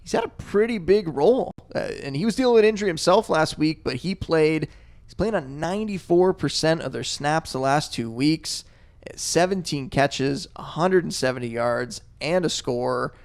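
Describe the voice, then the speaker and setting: A man's voice: fairly high pitch, animated, moderate pace. A man hosting a casual podcast, laying out stats before asking his guest a question. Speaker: podcast host.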